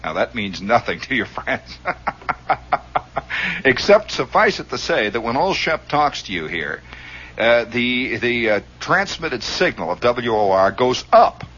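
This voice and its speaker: Husky-voiced man spinning a radio yarn. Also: medium pitch, measured pace, muffled recording. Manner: animated, chuckling, acts out scenes. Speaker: radio storyteller. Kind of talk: monologue storytelling.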